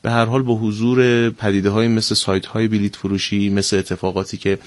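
A low-voiced man gives measured, deliberate answers as a guest in a studio interview. His voice is recorded close and dry, with no room sound. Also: little pitch movement, no echo. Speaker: guest, theater director.

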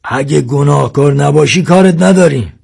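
A calm, measured older man who leads the group, husky and even-tempered, as a man acts him out. The reading lifts the voice only slightly above the narration. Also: fairly high pitch, voice pushed up, heavily acted. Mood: steady.

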